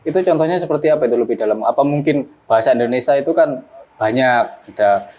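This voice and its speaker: A man's voice: mid-range voice, fast, darkish tone, slight background noise. A male podcast host, chatting casually and joking with his guest. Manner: jokey, plays dumb for laughs. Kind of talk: casual interview chat.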